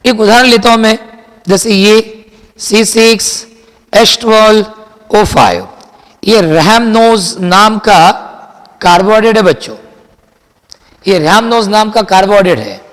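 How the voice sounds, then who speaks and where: High-voiced male teacher, slow dictation. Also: fairly bright tone, big-room sound. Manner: switches between Hindi and English, repeats key lines slowly for dictation; addresses students as children, asks and answers his own questions. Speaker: chemistry teacher. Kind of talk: classroom lecture.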